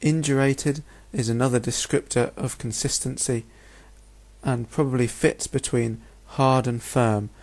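A man's voice: medium pitch, fairly even intonation, a little slow, darkish tone. A man with a mid-range voice delivers a narrated medical lecture. He explains step by step in an orderly, instructional way, often framing points as questions. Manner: clear, methodical, instructional, posing rhetorical questions. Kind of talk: narrated lecture over slides.

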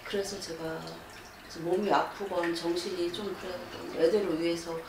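A woman's voice: on the low side, flat delivery, moderate pace. Hesitant woman client, distant and echoey. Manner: hesitant, soft-spoken, deferential. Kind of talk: consultation with a shaman. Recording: distant, echoey, noisy room.

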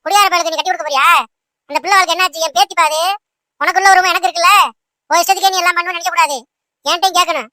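Thangamma, a nagging scheming old granny. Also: female voice, high-pitched, steady tone, sharp tone, no echo. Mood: scolding. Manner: scolding, rapid nagging. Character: scheming old grandmother, meddling and bossy.

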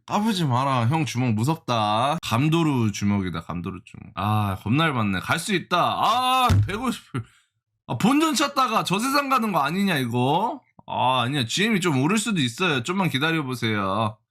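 A man's voice: on the high side, big pitch swings, moderate pace, a bit bright. A young man giving live reaction commentary as he day-trades, exasperated and joking with his viewers and scolding the price chart. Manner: exasperated, talks to the chart, jokey banter with viewers. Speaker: stock-trading vlogger.

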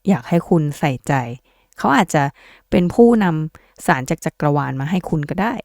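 Young woman, tarot host, playful and chatty; lowish smooth voice, dry close recording. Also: expressive, normal speed, a little mellow, dry recording. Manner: chatty, playful, laughs often and puts on silly voices. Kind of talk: casual tarot reading for viewers.

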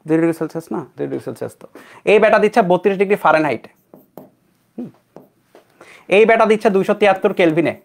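A man's voice: high voice, vocal fry. Chatty young male physics tutor. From Bangladesh. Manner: conversational, checks in with students often. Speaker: physics teacher. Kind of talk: online class lecture.

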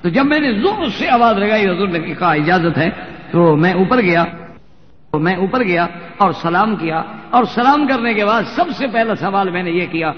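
Male preacher, high voice, sermon with slow chanted verses and lively storytelling; dull, echoey hall recording. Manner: chants Arabic verses slowly, retells stories animatedly. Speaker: religious preacher. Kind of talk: Urdu sermon with Quranic recitation.

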